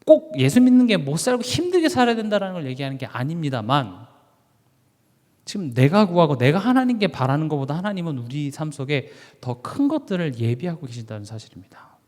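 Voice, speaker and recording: A man preaching a sermon, swinging between loud emphasis and hushed asides and acting out little stories. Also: on the high side, very animated, fairly quick, in a large hall. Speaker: pastor. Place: church sanctuary.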